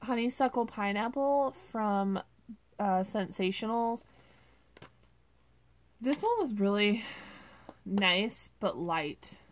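A woman's voice: medium pitch, expressive, takes it slowly, long pauses. A woman vlogger casually reviewing wax melts at home, chatty and gushing, with many ums and likes.

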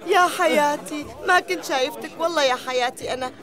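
A gossipy middle-aged wedding guest from a dubbed TV drama, voiced by a woman with a Syrian Arabic accent. Her voice is slightly high and quick, set against clear music and a noisy crowd. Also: natural voice.

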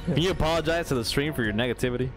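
A man's voice: medium pitch, racing, over music, poor audio. A man streaming a shooter game with friends, joking and teasing them, laughing often. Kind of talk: casual gaming chat.

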